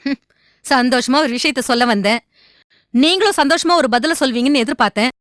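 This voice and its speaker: A woman's voice: sits high, expressive, a little fast, a bit bright, no room sound, clean studio sound. An actress playing a blunt, demanding in-law mother who speaks coldly and accusingly in a TV serial. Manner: cold and accusing. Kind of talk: TV serial acting. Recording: TV soundtrack with music underneath.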